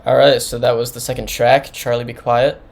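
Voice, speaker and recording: Guy reviewing an album, mid pitch, rambly and casual, keeps restarting. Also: flat delivery, normal speed, a little mellow, faint music behind. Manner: rambling, informal, many restarts. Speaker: music reviewer.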